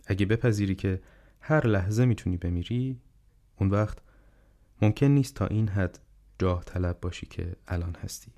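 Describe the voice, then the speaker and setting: A man voicing a gentle, wise, ailing old male professor in an audiobook, speaking calmly and reflectively. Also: lowish voice, natural voice. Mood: gently teasing. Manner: calm, reflective, unhurried counsel. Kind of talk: audiobook character reading.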